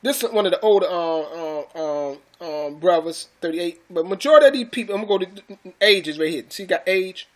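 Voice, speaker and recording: A man's voice: high-pitched, lively intonation, a little fast, hardly any pauses. A man teaching scripture to his followers in an emphatic, preachy way, repeating phrases and calling listeners brothers and sisters. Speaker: religious teacher.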